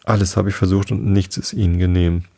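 A gravelly man reading a scolding mother pigeon. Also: deep voice, level tone, a little fast, warm tone, no room sound, studio quality. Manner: scolding, complaining, contemptuous. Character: shrill, suspicious female pigeon guarding her eggs. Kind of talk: audiobook reading of a classic tale.

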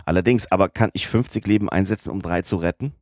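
A man's voice: low voice, quick pace, a little mellow, dry recording, clean studio sound, voice pushed up, natural voice. A man reading a storybook, voicing a stern, proud army captain who speaks firmly and formally.

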